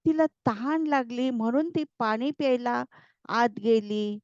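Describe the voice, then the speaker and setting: A woman's voice: fairly high pitch, fairly even intonation, unhurried, darkish tone, clean tone, no echo, dull audio. A woman voicing a worried, respectable middle-aged father who is exasperated and pleading.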